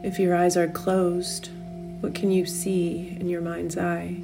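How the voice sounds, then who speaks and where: A woman leading a guided meditation, giving soothing, unhurried instructions with long pauses. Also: on the low side, completely flat delivery, gravelly, music in the background.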